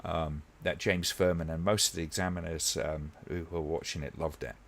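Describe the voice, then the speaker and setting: A man with a deep, low voice hosts a laid-back watch-along stream. He chats loosely with his viewers, wandering between thoughts and filling pauses with ums and uhs. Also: creaky. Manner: relaxed, rambling, many ums, talks to chat by name. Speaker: live stream host. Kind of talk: casual watch-along chat.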